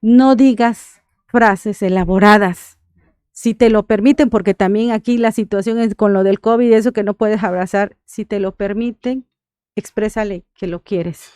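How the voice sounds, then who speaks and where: A woman's voice: medium pitch, fairly even intonation, a little slow, darkish tone, clean tone, no echo, clean studio sound. A Mexican woman, a thanatologist, giving earnest advice on a radio interview and often checking in with her listener. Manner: earnest, checks in with frequent "right?". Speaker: thanatologist guest.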